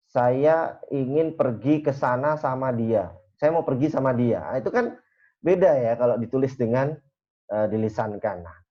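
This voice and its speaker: A man giving a university lecture in a casual, conversational way, full of fillers. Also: medium pitch. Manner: conversational, uses many fillers. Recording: dull lo-fi recording.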